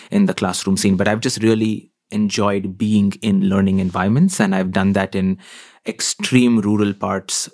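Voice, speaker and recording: A man's voice: lowish voice, gravelly, a little mellow. A young man from India, a guest on a podcast, talking earnestly and thoughtfully about his experiences. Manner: earnest, thoughtful, laughs easily. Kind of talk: conversational interview.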